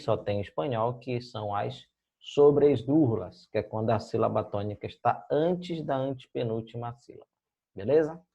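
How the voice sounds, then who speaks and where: A man's voice: mid-range voice, a little mellow, muffled recording. A Brazilian man teaching Spanish in a recorded video lesson, explaining patiently and checking in with his students after almost every phrase. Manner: explains patiently, ends phrases with "tá?" and "beleza, gente?".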